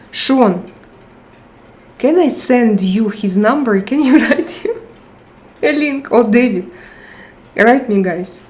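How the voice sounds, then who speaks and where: This is a middle-aged Russian-accented woman talking informally on a live stream, recorded through a tablet mic. She halts and restarts frequently while searching for the right words, and her mid-range voice has a slightly mellow quality.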